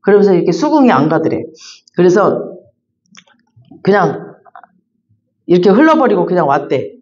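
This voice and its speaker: A woman pastor preaching in a chatty, animated storytelling manner, full of repeated fillers. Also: on the low side, normal speed. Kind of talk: storytelling sermon. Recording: dull lo-fi recording.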